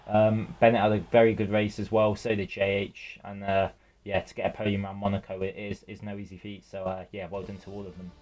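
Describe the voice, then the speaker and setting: A man's voice: lowish voice, level tone, a little mellow, dull audio. A man giving casual post-race analysis, hesitant and full of fillers. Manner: halting, full of ums and restarts. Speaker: co-commentator.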